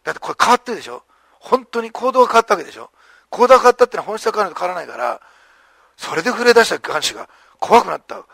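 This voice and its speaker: A male pastor preaching a sermon with animated storytelling, acting out the lines of the people in the story. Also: sits high, rapid-fire, vocal fry, no room sound.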